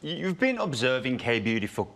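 A man's voice: mid-range voice, big pitch swings, moderate pace, a crowd in the background. A man co-hosting an interview show, asking loose, rambling questions full of fillers. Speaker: co-host.

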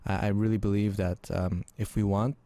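Low mellow-voiced man, thoughtful. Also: level tone, moderate pace, dry recording. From Argentina. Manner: thoughtful, hesitant, many fillers and restarts. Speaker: interview guest, film artist. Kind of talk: casual interview.

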